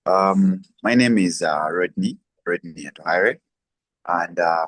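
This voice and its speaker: A young adult man with a Ugandan accent, a lawyer and freelancer appearing as a guest, answers questions in a conversational interview. His voice is very deep and a little slow, recorded dry and close with no echo. He speaks hesitantly, leaning on many um fillers and laughing lightly as he explains.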